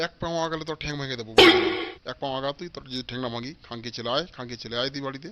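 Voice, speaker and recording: A man's voice: mid-range voice, racing, heavy background noise, close to an everyday voice. A man voicing a furious, cursing old father. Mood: angry. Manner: shouting, cursing, repeating threats. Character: foul-mouthed stingy old father, always furious. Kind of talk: comic cartoon voice acting.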